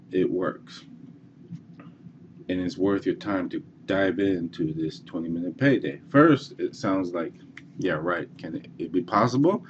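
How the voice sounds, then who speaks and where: Deep-voiced man giving a halting walkthrough. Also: warm tone, dull audio, a little hiss or hum. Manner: halting, repeats and restarts, says okay a lot. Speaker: online course presenter. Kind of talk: casual screencast walkthrough.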